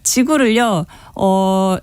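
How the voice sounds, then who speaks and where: A woman's voice: mid-range voice, very slow, a little mellow, clear, resonant tone, no echo. A woman guest on a radio current-affairs show, explaining a science topic in a chatty way with many fillers. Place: radio studio.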